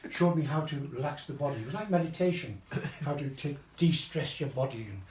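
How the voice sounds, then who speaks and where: A man's voice: fairly high pitch, expressive, fairly quick. Rambling old man giving a birthday speech. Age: 90s. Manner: rambling, repeats himself, chuckles while telling stories. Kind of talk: after-dinner anecdotal speech. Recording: roomy echo with loud room noise.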